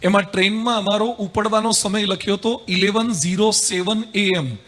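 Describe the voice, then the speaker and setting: High, bright-voiced monk telling stories. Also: male voice, moderate pace. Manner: lively storyteller, rhetorical and humorous. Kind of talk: spiritual discourse with anecdotes.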